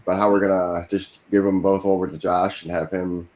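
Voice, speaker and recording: Man, 20s, podcast co-host, casual chat, low-pitched, laid-back, joking. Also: flat delivery, a little fast, a little mellow.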